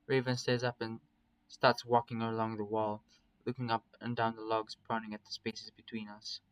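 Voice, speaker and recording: A man's voice: lowish voice, monotone, moderate pace, clean tone, poor audio. A man reading a first-person story aloud in a casual, plain way, with small slips and restarts.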